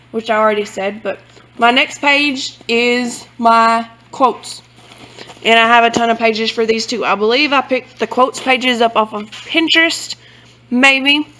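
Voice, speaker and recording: In a rough recording, a woman with a fairly high, sharp-toned voice shows off her book journal. She's a book vlogger whose talk is casual, rambling and chatty, and she frequently corrects herself along the way.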